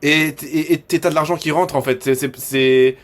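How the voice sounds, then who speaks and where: A man with a slightly high voice talks at a normal speed with fairly even intonation. Born in Morocco and raised in France from six months old, he is an e-commerce coach casually chatting with his students. His delivery is repetitive, with stammering starts and slangy French.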